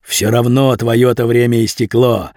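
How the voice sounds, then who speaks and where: A man voicing a cold, menacing gangster boss who drawls his threats slowly in an audiobook. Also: medium pitch, flat delivery, a little mellow, dry recording, studio quality, lightly acted. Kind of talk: audiobook character voice.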